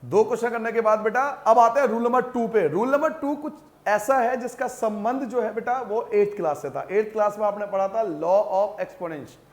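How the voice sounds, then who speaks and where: High-voiced maths teacher. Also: male voice, normal speed. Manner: repeats rules, quizzes students, calls them beta. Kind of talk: classroom maths lesson.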